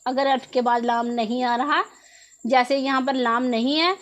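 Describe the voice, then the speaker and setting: A woman's voice: high voice, steady tone, normal speed, fairly bright tone. A woman teaching a Quran reading lesson, patiently repeating each rule and asking questions before answering them herself. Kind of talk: step-by-step lesson explanation.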